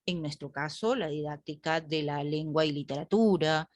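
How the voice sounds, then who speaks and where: A woman's voice: sits low, normal speed, dry recording. A woman teacher lecturing a class online, asking the group rhetorical questions and often adding "¿no?".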